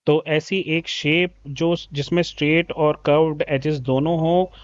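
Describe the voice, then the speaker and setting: A man's voice: fairly high pitch, fairly even intonation, no echo. A man teaching a children's maths lesson, patiently explaining a textbook and calling the pupils "beta". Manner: reads English questions slowly, then explains in Hindi.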